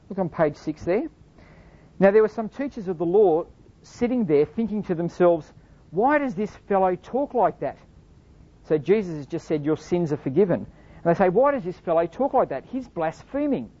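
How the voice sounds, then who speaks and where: A woman's voice: fairly low pitch, mellow. A woman preaching a sermon in an earnest, explanatory way, asking rhetorical questions and reading scripture aloud. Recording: dull lo-fi recording.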